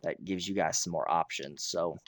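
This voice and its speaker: An American man with a hoarse, rough throat, chatting casually and ramblingly as he hosts a gaming livestream, often clearing his throat. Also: low-pitched, moderate pace. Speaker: streamer hosting a Minecraft realm.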